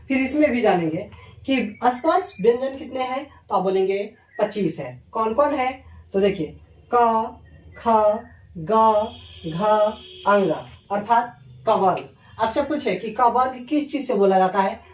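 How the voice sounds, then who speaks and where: A woman's voice: mid-range voice, a little mellow. A woman teaching a grammar lesson. She spells out letters one by one and asks questions that she answers herself. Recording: echoey room from a distance.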